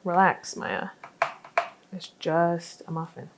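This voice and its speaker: A young woman chats while baking in her home kitchen for a lifestyle vlog, making fun of herself as she goes. Her voice is fairly low and slow, and the background is noisy.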